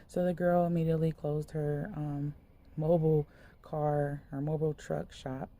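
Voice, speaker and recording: Low gravelly woman preaching casually. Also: level tone, normal speed, dark tone. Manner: conversational, loose, many fillers like "like". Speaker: minister sharing a dream. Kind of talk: casual spoken sermon, retelling a dream.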